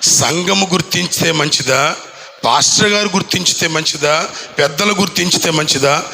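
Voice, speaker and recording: A male pastor delivers a fervent sermon, hammering on repeated rhetorical questions and stretching some lines into a chant. His voice sits high and carries a gravelly edge. The tone is strikingly sharp, with faint traffic in the background. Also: normal speed, rough recording. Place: church anniversary gathering in a village.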